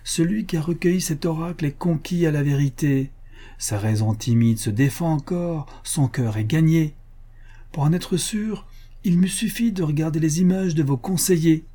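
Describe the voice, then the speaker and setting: A man's voice: fairly high pitch, moderate pace, dark tone, pitched above the performer's own voice, close to an everyday voice. A man voicing a zealous bearded prophet who speaks in an impassioned, declamatory way. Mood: triumphant.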